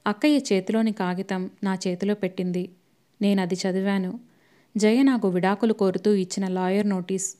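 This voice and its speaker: A woman narrating a novel as an audiobook, reading in a steady, even storytelling manner. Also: mid-range voice, normal speed.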